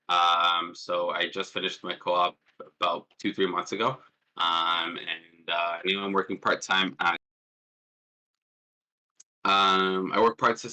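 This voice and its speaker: Over a push-to-talk online call, a twentysomething man leads an informal workshop in a relaxed, hesitant manner, often poking fun at himself. He is a student and threat hunter who was born in Jordan and lived in Palestine as a child. His voice is deep and sharp-toned, and the audio is poor.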